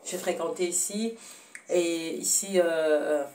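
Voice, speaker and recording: A Cameroonian woman with a Cameroonian French accent hosts a relaxed cooking demonstration from her home kitchen, speaking hesitantly with lots of fillers and self-corrections while warmly addressing her viewers. Her voice is fairly low and she takes her time. She sounds far from the mic, with noise in the background.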